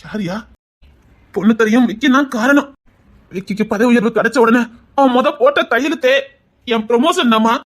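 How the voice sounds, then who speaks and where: A woman's voice: fairly high pitch, normal speed, pauses often, natural voice. A woman voicing an emotional, devoted village policeman husband in a cartoon, with a Tirunelveli Tamil accent, earnest and tearful. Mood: grateful.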